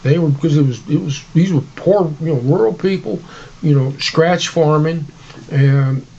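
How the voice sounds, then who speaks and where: Male co-host, higher-pitched, folksy and rambling, informal history chat, slightly muffled recording. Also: moderate pace, mellow. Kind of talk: casual history discussion.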